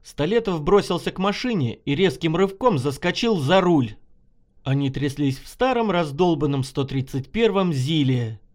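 A man's voice: fairly high pitch, a little mellow. A man narrating an audiobook of his own story, telling it expressively.

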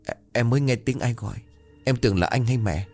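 A man's voice: medium pitch, brisk, a little mellow, soft background music, voice pushed up, natural voice. A man voicing a timid, frightened young wife who stammers. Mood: fearful. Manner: stammering, fearful.

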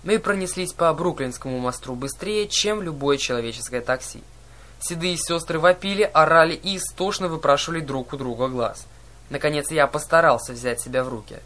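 A man narrating an audiobook in a lively, expressive reading. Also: on the high side, a little fast. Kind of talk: scripted narration.

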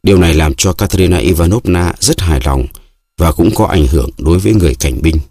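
A man reading an audiobook aloud in a steady, measured narration. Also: low voice, breathy edge, no echo, clean studio sound. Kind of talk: scripted narration.

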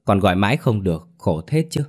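A man's voice: on the low side, very animated, fairly quick, a little mellow. A man doing a fretful polite young daughter. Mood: worried. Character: worried young adult daughter.

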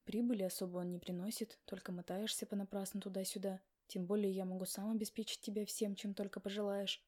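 A woman's voice: mid-range voice, level tone, fast, warm tone, close to an everyday voice. A woman voicing an insistent husband who talks firmly and dismissively, in an audiobook. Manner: firm, dismissive, commanding. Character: stern insistent husband, adult man.

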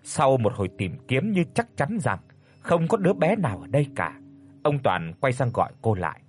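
Expressive male ghost story narrator. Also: medium pitch, normal speed.

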